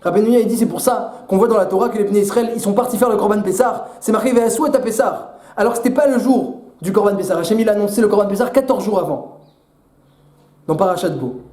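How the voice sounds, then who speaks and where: A rabbi man preaches a Torah lesson in a high, mellow voice. He asks rhetorical questions and retells midrash with animation. The recording rings with room echo. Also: fast talker. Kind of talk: Torah sermon in French with Hebrew terms.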